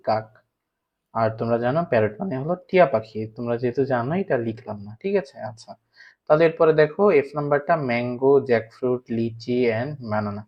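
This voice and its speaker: Bangladeshi teacher quizzing his class. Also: mid-range voice. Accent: Bangladeshi Bengali. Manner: asks students questions and answers them himself. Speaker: English teacher. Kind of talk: online class lecture. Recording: slightly dull lo-fi recording.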